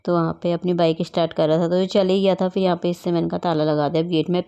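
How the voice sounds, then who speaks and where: A woman's voice: lowish voice, flat delivery, fast talker, warm tone, smooth. A middle-aged woman narrating her daily routine in a casual vlog voice-over, chatty and rambling with many fillers and restarts. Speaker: vlogger.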